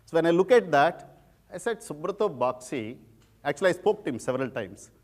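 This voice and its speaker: A man's voice: a little high, very animated, brisk. A middle-aged man with a heavy Telugu Indian accent, giving an informal public talk and repeating words for emphasis. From rural village in India. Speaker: guest speaker, former civil servant turned social entrepreneur.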